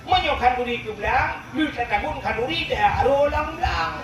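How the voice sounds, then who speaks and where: A man's voice: extremely high pitch, animated, moderate pace, creaky. A man preaching a religious sermon in an Acehnese accent, emphatic, calling out to the gathering and reciting Arabic prayers. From Aceh, Indonesia. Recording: very echoey, far from the mic, faint noise.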